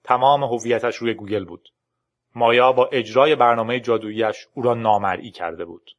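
A man narrating an audiobook in a calm, steady manner. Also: mid-range voice.

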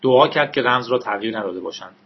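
Husky male storybook narrator. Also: mid-range voice, highs cut off.

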